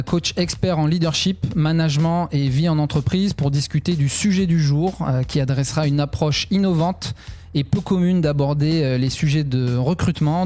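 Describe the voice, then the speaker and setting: A man's voice: fairly high pitch, dark tone. A man hosting a podcast from a company's headquarters, introducing guests and topics with frequent hesitations. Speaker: podcast host.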